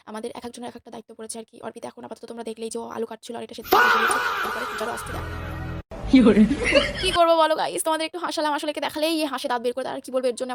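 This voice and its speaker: A young woman with a Bengali accent, slightly hoarse, chatting and teasing her friends as she narrates a casual vlog to viewers. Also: a little high, fairly bright tone, no room sound, clean studio sound. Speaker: vlogger.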